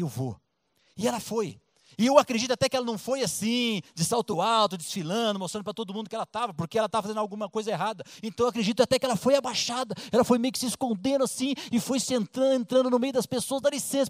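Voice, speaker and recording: Animated Brazilian pastor, high voice. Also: male voice, no echo, clean studio sound. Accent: Brazilian Portuguese. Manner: colloquial, animated storytelling with acted-out voices. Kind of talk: sermon.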